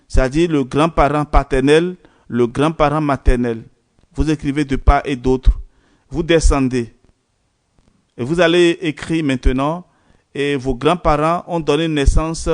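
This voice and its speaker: A man's voice: medium pitch, smooth. A man leading a prayer gathering as a priest, speaking informally and unhurriedly, giving instructions and blessings with frequent fillers.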